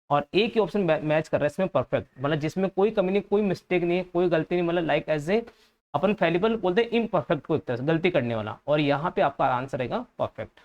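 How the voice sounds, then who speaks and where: A man's voice: a little high, muffled recording. A man with a Hindi accent teaching an English vocabulary class for exam students. He explains each answer patiently and says the key words and their meanings more than once.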